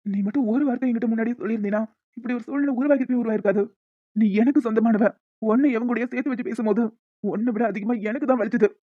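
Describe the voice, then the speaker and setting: A stern young husband who talks fast and firmly, hurt but still tender, as a performer voices him. The sound is dry and slightly muffled. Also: medium pitch, no room sound, natural voice. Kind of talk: Tamil audio romance drama. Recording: dull dry lo-fi recording.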